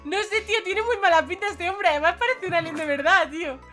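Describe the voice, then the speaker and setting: Woman, Spain Spanish accent, gaming host, casual let's play, excitable, giggly, very high voice. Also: quick pace, soft background music. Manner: excitable, giggly, yelps "wow" as a dog.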